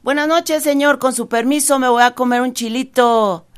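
A woman with a Mexican accent voicing a cheeky, greedy male rabbit who shouts indignantly. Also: high voice, fairly even intonation, normal speed, clear, resonant tone, pitched above the performer's own voice, natural voice. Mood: cheeky polite.

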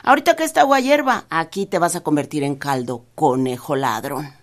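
A woman with a Mexican accent voicing a stern old male farmer who scolds gruffly. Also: sits low, brisk, natural voice. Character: stern old male farmer guarding his chili patch.

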